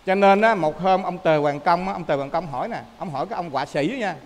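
High-voiced Southern Vietnamese monk preaching. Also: male voice, quick pace, big-room sound. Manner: lively storyteller, often asks listeners to confirm. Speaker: Buddhist monk. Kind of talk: dharma talk to a congregation.

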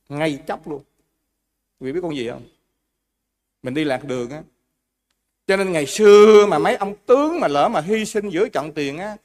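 A man's voice: fairly high pitch, darkish tone. A man giving a Buddhist dharma talk, explaining with everyday examples and asking the audience questions. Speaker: Buddhist monk teacher.

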